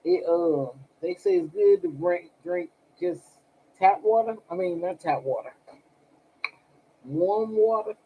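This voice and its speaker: A woman's voice: fairly low pitch, slow, phone-quality sound, slight background noise. A woman chatting casually on a livestream as a tarot reader, blunt and profane, talking straight to her viewers. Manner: blunt and profane, talks to chat directly.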